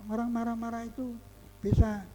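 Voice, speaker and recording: A man with a high but dark, mellow voice delivers a sermon, speaking earnestly and bursting into loud emphasis now and then. The sound carries a long hall reverb with a faint hum underneath. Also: monotone, brisk. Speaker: pastor. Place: church hall.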